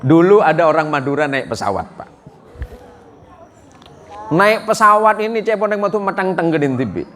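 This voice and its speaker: A male preacher telling a humorous story to a congregation in an animated way. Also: high voice, moderate pace. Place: gathering with a live audience. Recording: faint audience laughter.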